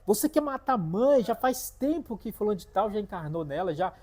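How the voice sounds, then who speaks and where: A man's voice: high-pitched, sing-song, brisk, voice pushed up. A man voicing an angry young woman who scolds her boyfriend for being late. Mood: angry, scolding. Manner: scolding, sharp.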